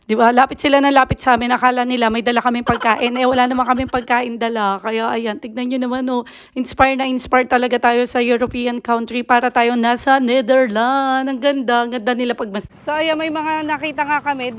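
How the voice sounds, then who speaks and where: A woman from the Philippines with a high voice vlogs an upbeat, chatty tour of an outdoor farm, laughing often. She films on a handheld phone, and the sound has no echo.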